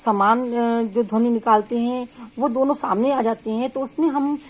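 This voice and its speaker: A woman lecturing as a teacher, her voice sitting a little high. She talks through each point steadily, stretching out example syllables and pausing often to check the class is following. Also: steady tone, low-quality recording. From India. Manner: slow, drawn-out sample syllables with frequent check-ins. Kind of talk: spoken lecture on phonetics.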